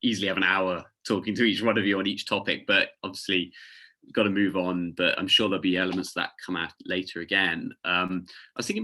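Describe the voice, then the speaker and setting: Very deep-voiced bright male host. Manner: rambling, halting, many restarts. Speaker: webinar host. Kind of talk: interview questions. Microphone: video call.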